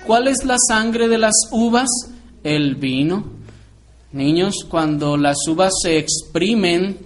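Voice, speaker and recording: A man's voice: high voice, lively intonation, slow, slight background noise. A man preaching a Bible lesson to a congregation, explaining patiently and asking the listeners rhetorical questions. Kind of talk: sermon-style Bible teaching.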